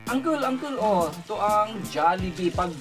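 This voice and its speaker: Coaxing Filipino man over loud music. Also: sits high, animated, measured pace, rough recording. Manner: warm, coaxing, mixes English words, gets teary. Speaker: vlogger handing out donated goods. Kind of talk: casual talk to family and camera. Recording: music playing loudly behind.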